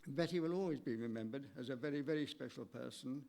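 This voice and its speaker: An older man, giving a measured, halting eulogy for his late wife in a church, read from notes with small stumbles. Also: mid-range voice, creaky, mellow.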